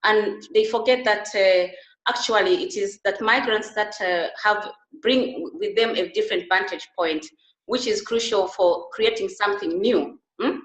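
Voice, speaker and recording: A woman's voice: mid-range voice, measured pace, fairly bright tone. A middle-aged woman from Uganda, guest in an interview, speaking earnestly with frequent restarts. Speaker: interview guest, beauty and wellness therapist. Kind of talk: conversational interview. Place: Germany. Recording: roomy echo.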